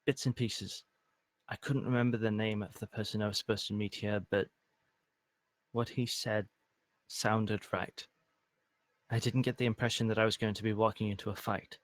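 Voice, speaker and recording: A man's voice: on the low side, level tone, moderate pace, no room sound. A man playing a tabletop game in character, talking things through in an earnest, deliberating way. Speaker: player. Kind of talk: in-character tabletop role-play.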